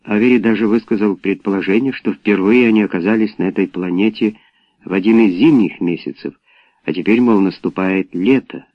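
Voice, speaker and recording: A man narrating an audiobook in a steady storytelling manner. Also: fairly low pitch, fairly quick, no echo. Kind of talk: scripted narration. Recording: dull lo-fi audiobook recording.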